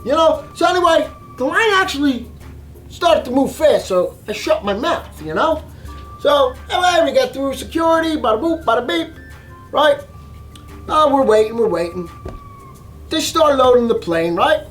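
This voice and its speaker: Brief: high-pitched, excitable guy spinning a long story, faint music underneath. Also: moderate pace, poor audio. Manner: animated, emphatic, repeats himself. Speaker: cooking channel host. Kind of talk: storytelling vlog.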